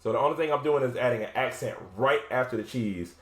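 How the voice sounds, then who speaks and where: A man's voice: medium pitch, quick pace, faint music behind. Man, drum lesson, casual, self-correcting, echoey room, drumming behind. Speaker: drumline instructor. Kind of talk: explaining drum rudiments while demonstrating. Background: drum playing.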